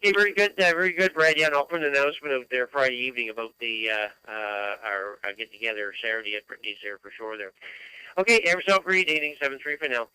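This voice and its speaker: A man's voice: medium pitch, fast, pushed and bright, clear, resonant tone, no room sound, rough recording. A man runs an amateur radio net in repetitive, procedural phrases over a two-way radio with static. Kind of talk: casual ham radio net calling.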